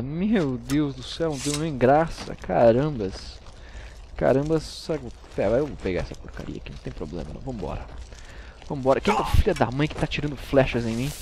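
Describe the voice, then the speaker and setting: A man's voice: a little high, darkish tone, slight background noise. A Brazilian man hosting a comic let's play, chatting with viewers and exclaiming often. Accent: Brazilian Portuguese. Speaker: gaming channel host.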